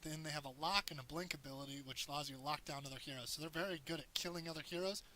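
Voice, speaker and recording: A hoarse-voiced gameplay commentator narrates his own strategy match, offering tips in a loose, rambling way as he plays. His fairly high voice races along, bright and forward, over poor audio with a light hiss.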